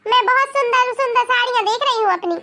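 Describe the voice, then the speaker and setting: A woman's voice: very high-pitched, quick pace. A woman voicing a cheeky, sly young daughter-in-law in a cartoon. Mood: complaining. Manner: cheeky, teasing. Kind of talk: cartoon voice acting. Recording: loud background noise.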